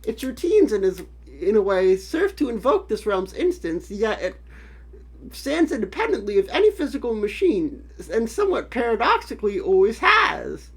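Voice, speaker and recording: A doting, mysterious granny spirit, as a woman puts her on while reading a webcomic. The delivery swoops all over in a husky, theatrical lilt with mock grandeur. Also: fairly high pitch, sing-song, moderate pace, heavily acted. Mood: grandmotherly, grand. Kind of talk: reading a webcomic aloud in character.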